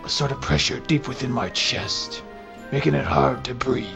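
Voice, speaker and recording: A man voicing a gruff, blunt male demon warrior, reading video game dialogue in a stern, deliberate way. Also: medium pitch, music in the background, pitched below the performer's own voice. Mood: brooding.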